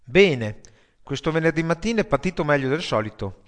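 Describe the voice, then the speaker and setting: A man voicing a sardonic, foul-mouthed male metalhead worker who grumbles and swears loudly. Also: on the high side, expressive, brisk, natural voice. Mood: grumbling.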